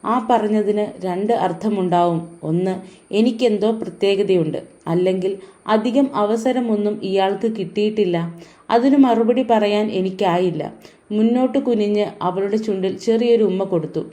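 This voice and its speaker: Woman reading a novel aloud, mellow soft tone, steady and even. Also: medium pitch, normal speed. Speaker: audiobook narrator. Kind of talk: scripted audiobook narration.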